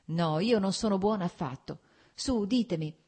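A woman reading aloud puts on an impulsive young noblewoman, eager and emotional, her voice lifted high above the narration. She presses her questions with intensity, husky and dark in tone. The story is read aloud as an audiobook. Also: moderate pace. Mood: earnest.

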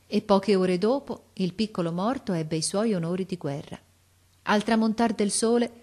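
A woman narrating a classic story in a measured, expressive reading voice. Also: mid-range voice.

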